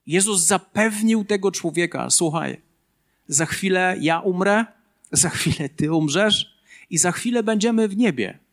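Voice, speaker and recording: High-voiced pastor preaching with repetition. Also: male voice, a little slow. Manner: earnest preaching with emphatic repetition. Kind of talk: sermon.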